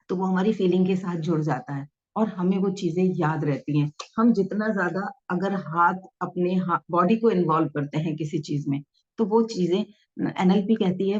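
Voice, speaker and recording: A woman with a fairly low voice gives a patient lesson, going over her points more than once. She reads passages aloud with expression as she explains. The sound is dull and lo-fi. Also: a little mellow. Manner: demonstrates reading aloud with expression. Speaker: self-help teacher. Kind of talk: explanatory talk to camera.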